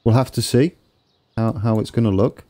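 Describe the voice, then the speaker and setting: A man's voice: mid-range voice, normal speed, warm tone. A man with a wheezy, congested voice giving casual commentary on a game build, tentatively thinking aloud as he goes. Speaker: gaming video host.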